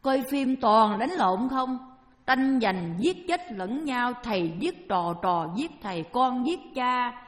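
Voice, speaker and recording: A woman's voice: fairly high pitch, lively intonation, slow. A woman giving a Buddhist dharma talk, asking her listeners questions and answering them herself with homely everyday examples. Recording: long hall reverb.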